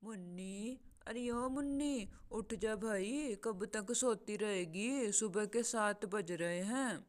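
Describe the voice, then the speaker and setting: A harsh cartoon mother-in-law barks orders and scolds, as a woman voices her. Her voice sits at a middle pitch and is plainly bossy. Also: slow pace, lightly acted. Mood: scolding.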